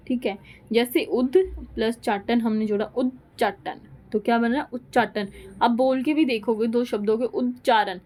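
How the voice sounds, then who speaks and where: A woman's voice: a little high, darkish tone. Woman teaching Hindi grammar, step by step. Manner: explains step by step, repeats examples aloud. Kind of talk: classroom lecture.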